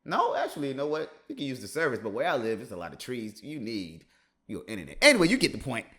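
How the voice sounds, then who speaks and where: A man chats through a reaction video in a loose, conversational way. His voice sits mid-range for a man but moves a lot, rising when he gets excited. He laughs easily between his thoughts. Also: mid-range voice, fast. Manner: animated, laughing, chatty. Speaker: reaction host. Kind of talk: casual reaction commentary.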